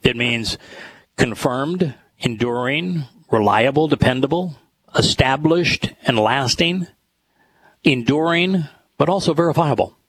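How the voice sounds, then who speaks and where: A man hosting a talk show with scripture study, speaking in a halting, thoughtful way with many pauses. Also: medium pitch, expressive, fairly bright tone, breathy edge, rough recording. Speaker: host.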